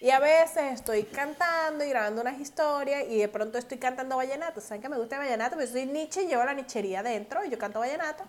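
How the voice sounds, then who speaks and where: A woman, co-hosting a casual podcast chat and swinging from soft-spoken to loud and dramatic. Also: high voice, fast, few pauses. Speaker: podcast co-host.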